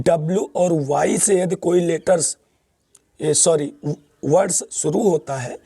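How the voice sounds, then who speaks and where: A man's voice: fairly high pitch, gravelly, warm tone, breathy edge, no echo. A man teaching English grammar in Hindi, mixing in English terms and asking and answering his own questions as he explains.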